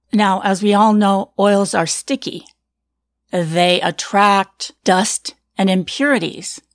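A middle-aged woman, a skincare professional, calmly explaining skin care and answering viewer questions in a live-stream Q&A. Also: mid-range voice, creaky, dry recording, studio quality.

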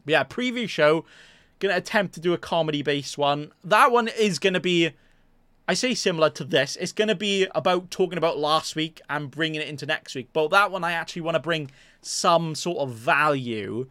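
A man's voice: on the high side, moderate pace, pushed and bright, clean tone, dry recording. Rambling self-mocking young man. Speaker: podcast host. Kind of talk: casual rambling chat. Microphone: desk mic in front of a green screen.

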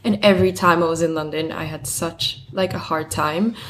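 A woman's voice: low voice, fairly even intonation, moderate pace, fairly bright tone, slight background noise. A young woman guest chatting casually in an interview, with a lot of "like" fillers. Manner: chatty, heavy use of "like" fillers. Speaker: guest, company co-founder.

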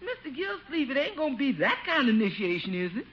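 An actress playing a folksy, shrewd household maid in a 1950s radio sitcom, speaking in a homespun dialect. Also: female voice, high-pitched, very animated, quick pace, highs cut off. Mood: coaxing. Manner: folksy dialect speech, coaxing questions. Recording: hissy old radio broadcast recording.

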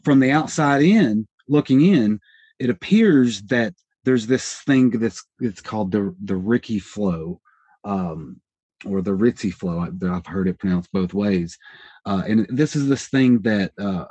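On a podcast, a man in his thirties who works as an independent researcher explains things in a casual, rambling manner, correcting himself and hedging as he goes. His voice is on the low side and mellow, a little slow. The recording is dry.

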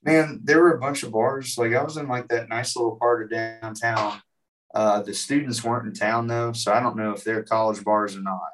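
Over music and recorded from a distance with poor sound quality, a young musician with a West Virginian accent chats loosely in an interview, peppering his rambling with likes and you-knows. He is from West Virginia and speaks in a medium pitch with fairly even intonation and a moderate pace.

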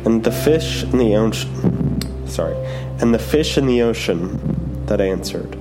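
A man slowly reading a picture book aloud in a gentle, unhurried way. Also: fairly low pitch, animated, music in the background, low-quality recording. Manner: gentle, unhurried, soft delivery. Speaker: storyteller.

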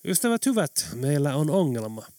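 A man's voice: on the high side, big pitch swings, mellow, no room sound. A man voicing a cold, menacing male professor who leads armed men, speaking in an icy, commanding way. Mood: mock-friendly.

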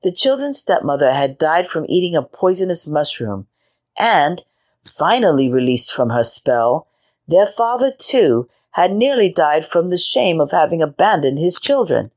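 A woman hosting a story show, reading a children's fairy tale aloud in a gentle, measured way. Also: deep voice, very animated. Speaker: storyteller host.

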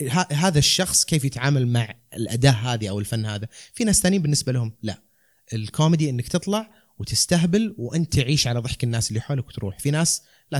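A young man with a Saudi accent talks at a very rapid clip in a loose, conversational way. He rambles through his explanations, slipping English words into his Arabic, at a middling pitch. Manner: rambling, mixes in English terms. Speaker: stand-up comedian, guest.

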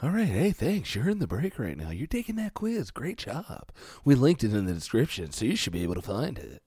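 A man's voice: medium pitch, wildly swooping pitch, fairly quick, dark tone, husky, dry recording, clean studio sound. A man co-hosting a podcast in casual chat, laid-back and self-deprecating, often restarting his words. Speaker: podcast co-host.

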